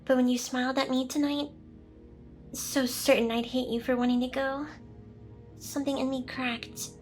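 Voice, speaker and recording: A woman acts out a demon boss in an ASMR roleplay using a high, feminine voice close to her everyday one, with little pitch movement and normal speed. Smug, teasing and possessive, she delivers lines with theatrical seduction, the mood intense yet vulnerable. Soft music plays faintly underneath.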